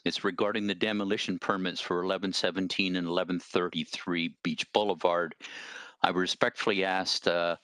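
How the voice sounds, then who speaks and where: A man serving as a city councillor, moving a motion in a formal, deliberate way with some fillers. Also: low-pitched, flat delivery, a bit bright, clean tone, no room sound.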